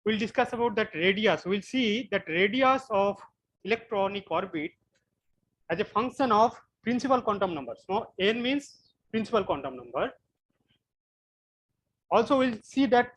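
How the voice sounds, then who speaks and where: Halting Indian-accented male physics lecturer. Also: high-pitched, lively intonation, a bit bright, rough recording. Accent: Indian English. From West Bengal, India. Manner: slow, halting explanation with frequent repetitions. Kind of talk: online class lecture.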